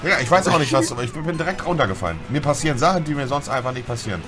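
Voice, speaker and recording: A man's voice: mid-range voice, animated, racing, music in the background. A young man giving casual, slangy, grumbling gameplay commentary as a streamer among friends. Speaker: gaming streamer.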